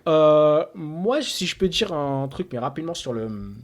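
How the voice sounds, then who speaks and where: A man co-hosting a football podcast, reading out a squad list with many hesitant filler pauses. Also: a little high, expressive. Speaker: podcast co-host. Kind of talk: casual sports podcast talk.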